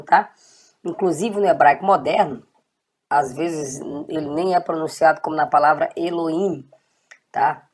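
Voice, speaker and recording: Low, husky woman teaching Hebrew. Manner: patient, checks in with students often. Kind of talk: casual online language lesson.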